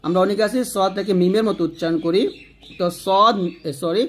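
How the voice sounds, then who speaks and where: A man teaching Quran reading by spelling out letters and vowel marks, then slowly repeating each word three times. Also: high-pitched, steady tone, darkish tone. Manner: switches between quick explaining and drawn-out chanted recitation.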